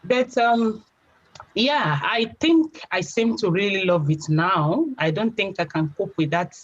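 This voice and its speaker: A young adult woman with a Nigerian accent, a guest telling her story in a chatty, relaxed way, often saying "you know". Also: medium pitch, unhurried. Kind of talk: casual interview. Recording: slightly dull lo-fi sound.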